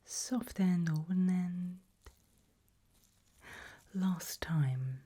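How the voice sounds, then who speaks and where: A woman performing ASMR plays a medical examiner, whispering very breathily and without hurry. Her whisper is mostly unvoiced, low, and soft, polite yet calmly unsettling, as she gives slow, careful instructions.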